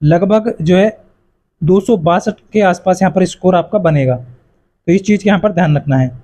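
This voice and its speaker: An exam-coaching YouTuber casually walks students through exam cutoff scores, calling them friends and reassuring them over and over, leaning on fillers like "yahan par" and "jo hai." His voice is high-pitched and dark-toned at a normal speed.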